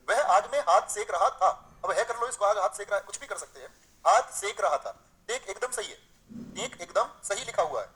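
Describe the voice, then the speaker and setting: Guy teaching grammar online, reads sentences out slow then fixes them, keeps going "so what do we say?", calls students dear friends. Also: high-pitched, fairly bright tone, rough recording. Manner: keeps quizzing students with rhetorical questions; reads example sentences aloud slowly, then corrects them. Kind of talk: live online grammar class.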